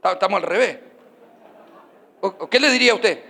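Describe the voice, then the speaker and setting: Man, preacher, sermon, animated storytelling, very high voice, church hall reverb. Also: brisk, creaky, a little hiss or hum. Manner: animated, acts out the characters of his stories with voseo asides.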